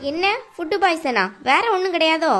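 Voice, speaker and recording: A woman voicing a sharp-tongued, nagging middle-aged mother-in-law in a cartoon, scolding and mocking. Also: very high-pitched, normal speed, music in the background. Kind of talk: cartoon voice acting.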